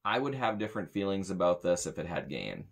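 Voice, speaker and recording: Here a thirtysomething American sound tech grumbles his way through a casual, meandering gear review, bluntly and in a small room with metal shelving. He talks fairly quickly, his low voice creaky and sing-song.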